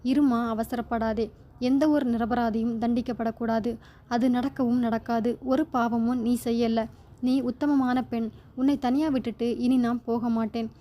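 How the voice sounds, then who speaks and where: A woman voicing a gentle, worried older father-in-law in a storybook reading, speaking slowly and reassuringly. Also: on the high side, fairly even intonation, close to an everyday voice. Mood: soothing. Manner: slow, reassuring. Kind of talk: storybook narration.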